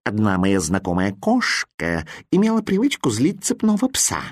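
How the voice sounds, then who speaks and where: Мужчина озвучивает серьёзного ворчливого кота-домашнего любимца, который говорит неторопливо, с недовольными нотками. Голос ниже обычного для чтеца, запись сухая, без эха. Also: male voice, lowish voice, wildly swooping pitch, no echo, studio quality. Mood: grumbling. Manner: grave, grumbling, slow. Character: grumpy serious male tomcat, the boy's pet.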